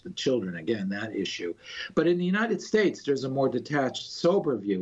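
Husky man giving halting news analysis. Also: mid-range voice, muffled recording. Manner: halting, repeats words as they explain. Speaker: political analyst interviewed as a guest. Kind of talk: news interview commentary.

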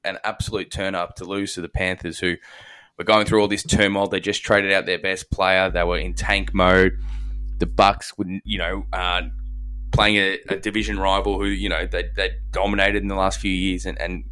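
A man's voice: sits low, level tone, normal speed, sharp tone, clean tone, poor audio. A man with an Australian accent hosting a casual sports discussion podcast.

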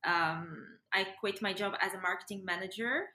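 In an echoey, roomy recording, a young adult woman from Morocco chats casually as a podcast guest; she works as a yoga and breathwork facilitator. Her mid-range voice has a sharp tone and moves at normal speed.

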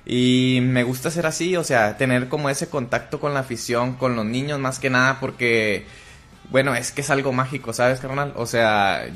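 A man with a Mexican Spanish accent, a wrestler guest, chatting casually in a slangy, relaxed and animated way. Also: medium pitch, moderate pace, soft background music. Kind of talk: casual chat.

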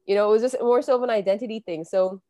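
A woman with an Irish accent, speaking as a guest in a panel chat in a thoughtful way that trails off softly. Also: medium pitch, very fast, no echo, dull audio. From Kildare, Ireland. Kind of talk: conversational panel discussion.

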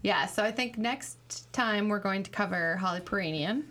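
A woman's voice: mid-range voice, moderate pace, a bit bright, faint music behind. A woman co-hosting a podcast, chatting casually with wry humor and reading the sign-off. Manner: chatty and wry, laughing easily. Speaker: podcast co-host.

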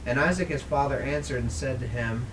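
A man reading scripture aloud in a measured, formal way. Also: medium pitch, distant mic, noisy background. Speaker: scripture reader.

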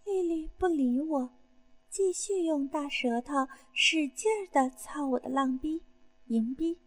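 A woman's voice: sits high, animated, unhurried, dry recording. A woman narrating a first-person erotic story, breaking into breathless moaning cries between her lines.

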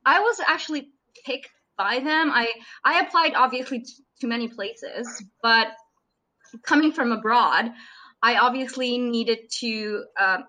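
A woman's voice: on the high side, unhurried, bright, forceful tone, rough recording. A woman in her thirties from Serbia, a native Serbian speaker, chatting as a surgeon guest in an interview and laughing often. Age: 30s. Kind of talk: casual interview chat.

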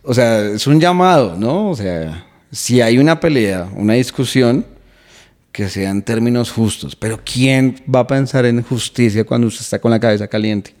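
A man's voice: mid-range voice, expressive, normal speed, a little mellow. A man, a comedian guest speaking earnestly and reflectively in a casual podcast chat. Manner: earnest, reflective, explains at length.

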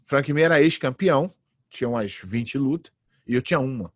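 A man in his late thirties, a jiu-jitsu fighter, telling lively anecdotes in a casual interview. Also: medium pitch, moderate pace, no echo, studio quality. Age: late 30s. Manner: animated anecdotes, acts out quoted voices.

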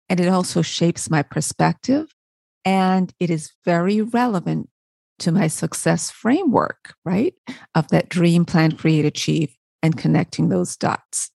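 A woman from Barbados hosting a motivational podcast. She asks rhetorical questions, answers them herself and often checks in with a quick "right?". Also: on the low side, gravelly, dark tone, no echo. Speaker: podcast host.

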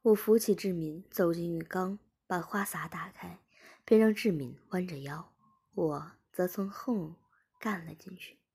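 A woman reading a story aloud in a steady, hushed whispered role-play. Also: on the low side, measured pace, gravelly, slightly rough. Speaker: story reader.

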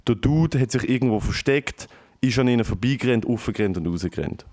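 A young man with a Swiss German accent, talking at a middle pitch. He tells an anecdote in a loose, animated way. He swears freely and drops English slang into his sentences. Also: a little fast. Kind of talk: casual storytelling chat.

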